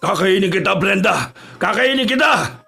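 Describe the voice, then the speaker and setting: A man's voice: high voice, expressive, normal speed, vocal fry, sharp tone, husky, pitched above the performer's own voice, full character voice. A man voicing a menacing, hungry aswang monster father in an audio horror story.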